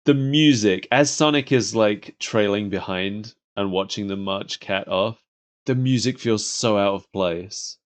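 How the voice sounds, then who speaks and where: Speaking at a measured pace in a voice on the low side, a man co-hosts a podcast. The talk is a casual review of cartoons, delivered with a fan's enthusiasm.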